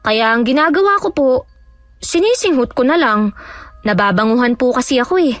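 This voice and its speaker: Woman voicing a timid young patient, high-pitched. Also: animated, moderate pace, dry recording, lightly acted. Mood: hesitant. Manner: polite, hesitant, stammering. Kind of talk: audio drama acting.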